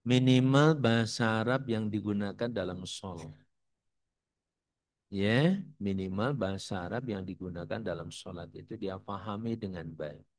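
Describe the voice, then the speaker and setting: A man's voice: on the low side, measured pace. A man teaching an Islamic study lecture as the guest teacher, explaining patiently and tossing in rhetorical questions. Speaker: religious teacher. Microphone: live broadcast mic.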